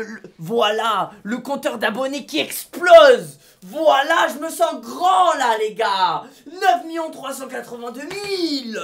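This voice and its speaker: A young man streaming live from his studio, talking to his chat in slangy, excitable bursts and shouting when things go wrong. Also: extremely high pitch, vocal fry.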